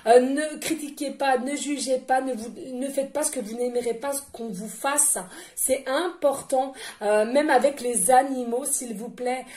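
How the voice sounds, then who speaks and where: A woman's voice: sits high, steady tone, measured pace, a little mellow, reverberant. A woman medium giving a casual, rambling oracle card reading, chatting and laughing with her listeners as friends.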